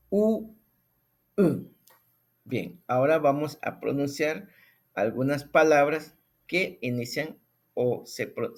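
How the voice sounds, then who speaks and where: A man teaching a recorded language lesson at an unhurried pace. His delivery is deliberate and patient, and he repeats each sound several times so learners can copy it. His pitch sits in a middle range.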